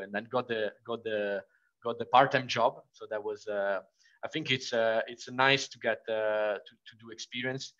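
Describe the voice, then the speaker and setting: With a lowish, fairly bright voice and an Italian accent, this former international student from Italy hesitates through casual interview answers, using many fillers and starting over often. The recording is dry and dull.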